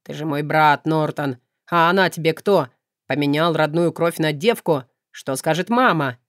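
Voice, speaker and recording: A woman's voice: sits low, normal speed, no echo, clean studio sound, natural voice. A woman reading an audiobook voices a bound, vengeful young man hurling threats. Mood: threatening.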